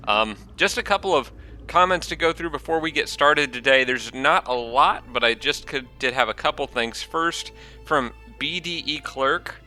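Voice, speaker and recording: Faint music plays behind a man with a fairly high, sharp-toned voice who runs his own gaming channel. Stuffed up from allergies and slightly nasal, he casually works through a strategy game at normal speed, musing aloud with plenty of ums.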